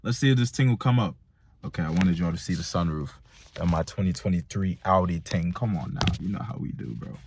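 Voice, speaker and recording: This is a nineteen-year-old motivational vlogger, Nigerian-born but raised in America from age four, who speaks with an American accent in a low-pitched, brisk voice over a noisy background. He talks casually and slangily, addressing young men directly with "bro" and "man."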